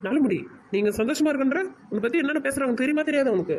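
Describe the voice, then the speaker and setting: A woman's voice: high voice, animated, very fast, a loud crowd. A woman voicing a scheming village girl in a cartoon comedy, who talks sweetly to others and mutters her schemes aside. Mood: gossiping. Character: scheming village girl Nettavalli, sly troublemaker.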